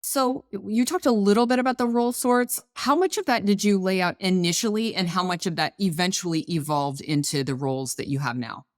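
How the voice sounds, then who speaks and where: A woman's voice: mid-range voice, fairly quick, hardly any pauses, no echo, studio quality. A woman hosting a business podcast, explaining ideas in a coaching tone, asking rhetorical questions and interviewing guests. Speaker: podcast host.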